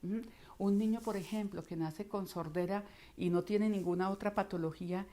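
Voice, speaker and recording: A middle-aged Colombian woman giving an expressive talk as a voice coach, acting out voices in her stories. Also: mid-range voice, moderate pace. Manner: expressive, acts out voices in anecdotes. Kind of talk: instructional talk.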